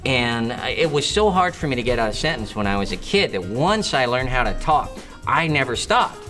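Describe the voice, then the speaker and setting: A man telling stories in an interview, halting and restarting often with many fillers. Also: medium pitch, big pitch swings, bright, forceful tone, faint music behind. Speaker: harmonica player and singer interviewed. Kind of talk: interview storytelling.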